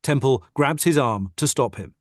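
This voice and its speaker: During a plain video-call table read, a man of middling pitch reads out the stage directions at normal speed, steady and matter-of-fact. His audio is close and dry, without any echo.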